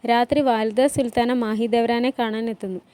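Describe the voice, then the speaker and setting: Woman narrating drama, mellow and dry. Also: fairly high pitch, steady tone, moderate pace, dry recording. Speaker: storyteller retelling a TV series. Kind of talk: storytelling narration with voiced dialogue.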